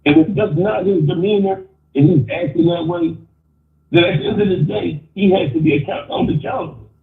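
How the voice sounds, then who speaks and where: A man's voice: high-pitched, fairly even intonation, a little fast, gravelly. Muffled guy calling in on an earbud, tinny phone sound, echoey, keeps restarting his words. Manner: stammering restarts, blunt and opinionated. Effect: muffled phone line over an earbud. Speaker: caller. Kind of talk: opinionated call-in rant. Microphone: wireless earbud on a phone call.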